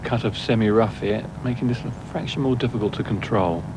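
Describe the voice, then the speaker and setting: A man's voice: fairly low pitch, a little fast. A man giving analytical live commentary as a golf commentator. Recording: noisy outdoor broadcast ambience. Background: outdoor course ambience.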